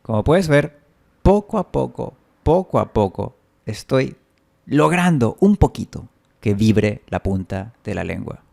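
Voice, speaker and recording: A man's voice: on the low side, lively intonation, unhurried, creaky, darkish tone. A man, a native Spanish speaker, explaining patiently in a casual vlog and then drilling practice words over and over. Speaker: vlogger documenting learning to trill R. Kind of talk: casual first-person vlog.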